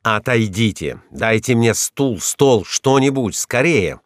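A man voicing a stern, forceful wealthy husband who barks orders in a hoarse, commanding shout. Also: medium pitch, normal speed, no echo, studio quality, lightly acted. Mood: urgent.

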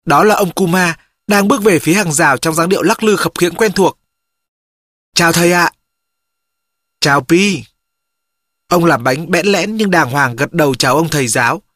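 A narrator reading a novel aloud in steady first-person storytelling. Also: mid-range voice, fairly quick, no echo, clean studio sound. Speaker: audiobook narrator. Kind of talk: scripted audiobook narration.

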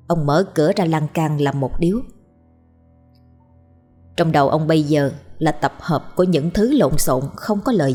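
A woman narrating a horror story in a measured, suspenseful storytelling manner. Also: low-pitched, a little mellow, breathy edge.

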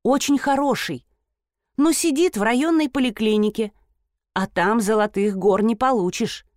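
A shrill, strained grown daughter, as a woman reader puts her on, pitched higher than the narration and pleading through clenched frustration. The voice is dry and close, with no room around it, as in a storybook reading. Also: normal speed, a little mellow, no room sound, natural voice.

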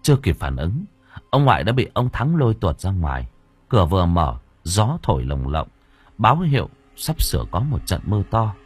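A man narrates a story in a low, husky voice. His delivery rises and falls with lively, dramatic swings. Soft music runs faintly underneath. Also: normal speed, no echo. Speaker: audiobook narrator.

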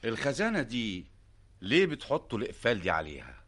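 A man's voice: fairly low pitch, wildly swooping pitch, fast, fairly bright tone, full character voice. A man playing a headstrong, curious new sultan in a theatrical radio drama, with an Egyptian accent and an imperious, questioning manner. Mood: insistent, questioning.

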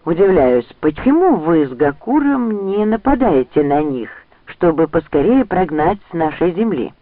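A man's voice: fairly high pitch, very animated, moderate pace, dry recording, voice pushed up. A man reading an audiobook, voicing a proud, defiant young noblewoman in a cutting tone. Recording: dry, tinny phone-like sound.

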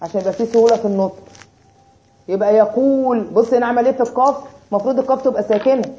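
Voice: mid-range voice, racing, mellow, dull audio. A teacher with an Egyptian Arabic accent, explaining a grammar lesson and asking rhetorical questions to check understanding.

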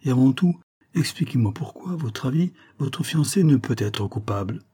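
Guy playing a calm sharp detective, measured and kind, mellow husky voice. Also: mid-range voice, voice pushed up. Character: calm, shrewd middle-aged male detective.

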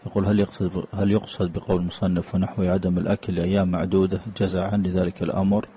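A man giving a religious lesson in a large mosque, reading out questions and then explaining each one deliberately. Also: deep voice, flat delivery, warm tone, highs cut off, slight background noise. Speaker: mosque teacher answering questions.

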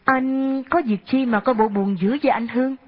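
A woman reading an audiobook, voicing an earnest, worried young woman who asks soft, pleading questions. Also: high-pitched, steady tone, normal speed, pitched above the performer's own voice. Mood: gentle. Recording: dull lo-fi audio.

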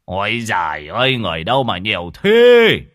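A man voicing a gruff, greedy old village shaman who scolds and curses as he orders people around. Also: lowish voice, big pitch swings, normal speed, sharp tone, no room sound, clean studio sound, heavily acted. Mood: scolding. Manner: bossy, scolding, curses freely.

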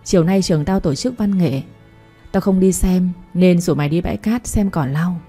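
A woman's voice: on the low side, moderate pace, warm tone, slightly rough. A woman voicing a spirited teenage schoolgirl who talks bluntly and pushily, with faint music behind. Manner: blunt, pushy, coaxing.

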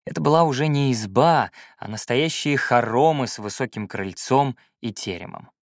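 A man narrates a first-person fantasy audiobook with expressive storytelling. His mid-range voice moves at a moderate pace, and the recording is dry and studio-clean.

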